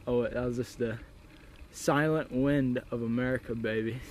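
This vlogger is a young adult man speaking at a medium pitch, steady in tone and at normal speed, swearing and using slang in a laid-back camping vlog. He holds the camera at arm's length on a windy mountain, partly within a tent, so the outdoor recording is noisy with wind.

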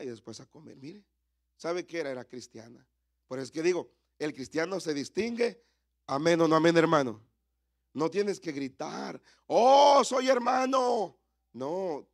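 A man in his thirties, a pastor preaching a sermon at a church service and calling out to the congregation with repeated rhetorical questions. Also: mid-range voice.

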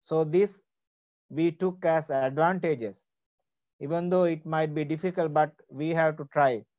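A man in his forties from Sri Lanka giving an online lecture in a deliberate manner with many fillers, over a video call from an office. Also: fairly high pitch, fairly even intonation, darkish tone, no room sound. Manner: slow, deliberate, with frequent fillers. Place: office with bookshelves. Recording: dull lo-fi video call audio.

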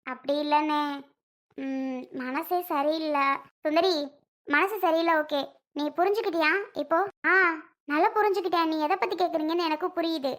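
Woman playing a soft apologetic young wife. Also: very high voice, normal speed. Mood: conciliatory.

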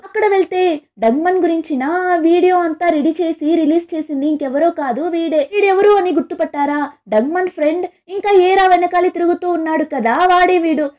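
A woman's voice: extremely high pitch, mellow. A woman retelling a drama's plot in a chatty, casual narration, mixing in English words. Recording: dull lo-fi recording.

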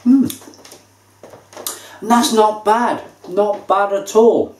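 Speaking very slowly in a high-pitched voice, a man in his thirties casually chats through a beer review in his home kitchen, savoring and describing every sip. A camera mic at table distance picks up the echoey kitchen acoustics.

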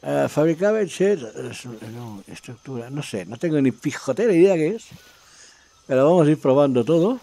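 A man giving casual, excitable commentary as he plays a game, talking to himself and his viewers. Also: on the high side, normal speed. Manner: talks to himself and viewers while exploring, excitable. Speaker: gaming video creator.

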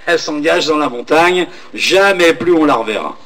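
A man voicing skeptical villagers chatting offhandedly in a low voice. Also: expressive, moderate pace, a bit bright, distant mic. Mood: mocking. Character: gossiping skeptical village folk.

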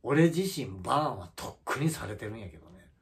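A man's voice: medium pitch, very animated, brisk, gravelly. A man with a Kansai accent, a comedian hosting his own channel, ranting in a heated, indignant way with many fillers. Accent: Kansai Japanese. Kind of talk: solo vlog rant.

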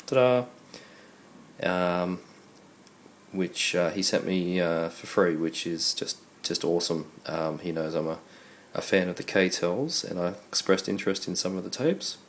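Man, Australian accent, low pitch, congested with a cold, casual unboxing commentary, faint noise behind. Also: unhurried. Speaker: video host. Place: indoors at a computer desk. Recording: steady background noise.

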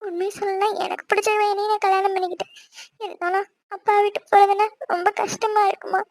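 A woman's voice: extremely high pitch, fast, a bit bright. A woman voicing a young bride and elder sister, bossy with her brother and tender toward her father. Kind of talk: cartoon voice acting.

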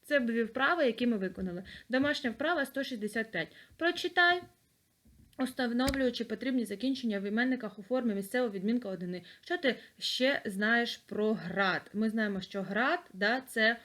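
A woman teacher with a fairly high voice giving an online lesson to children. She dictates patiently, repeating words slowly and clearly. Recorded on a computer mic. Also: a bit bright. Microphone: computer mic, screen recording.

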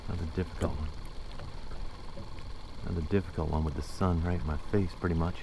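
A man's voice: low-pitched, vocal fry. A middle-aged man casually narrating his fishing trip from a kayak, talking half to himself, recorded on a hat-mounted camera out on the water. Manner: relaxed, talks to himself, quick excited exclamations at bites. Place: kayak on open water outdoors. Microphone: hat-mounted action camera. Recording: outdoor wind and water noise.

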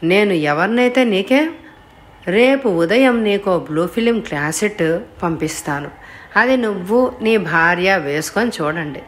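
A woman reading an audiobook voices a calm, taunting young male blackmailer on the phone. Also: medium pitch, natural voice. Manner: calm, unhurried and mocking. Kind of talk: audiobook character voice.

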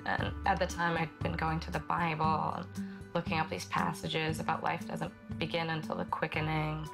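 Low, flat-voiced young woman, soft and halting. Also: vocal fry. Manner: halting and soft-spoken, many pauses and fillers. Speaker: interviewee. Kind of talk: documentary testimony. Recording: documentary with guitar music underneath.

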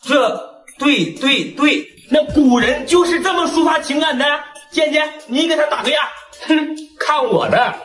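A man voicing an excitable, theatrical classroom figure in a comedy cartoon parody. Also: very high-pitched, normal speed, faint music behind. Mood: scolding. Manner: exclamatory, theatrical. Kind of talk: comedy skit dubbing. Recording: echoey, distant from microphone.

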